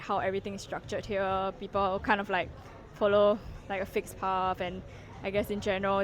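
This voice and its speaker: A woman's voice: medium pitch, rough recording. A woman, talking casually to camera as a vlogger, full of "like" and "you know", walking around as she speaks. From Singapore. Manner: chatty, heavy use of "like" and "you know" fillers. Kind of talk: casual reflective vlog talk.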